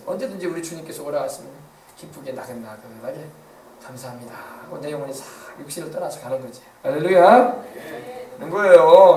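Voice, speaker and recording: A man pastor preaching a sermon, emphatic, swinging between hushed passages and loud exclamations. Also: fairly high pitch, slight background noise. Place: church sanctuary. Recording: echoey church sound from a distance.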